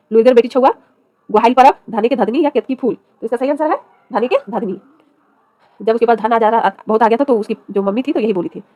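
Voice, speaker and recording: A woman's voice: fairly high pitch, a little mellow, no room sound. A woman teacher reads exam practice questions, then gives each answer, switching between a regional dialect and standard Hindi. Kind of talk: reading quiz questions and giving answers.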